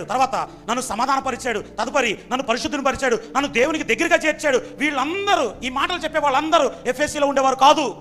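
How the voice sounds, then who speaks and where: A man preaching a Sunday sermon in church, with a Telugu accent, who keeps quizzing his listeners and swings from loud exhortation to low, quiet asides. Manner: quizzes the congregation with repeated questions. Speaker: pastor. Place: church hall during a Sunday service.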